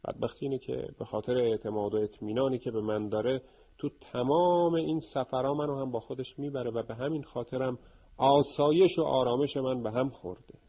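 A tired storybook animal who grumbles about endless journeys, as a male narrator voices him. His voice sits close to the narrator's own, mellow and somewhat husky, and earnest in tone. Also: medium pitch, muffled recording. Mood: weary.

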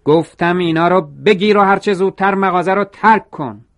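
A man voicing an angry middle-aged shop manager who yells curt orders at an employee. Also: high-pitched, voice pushed up. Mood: furious.

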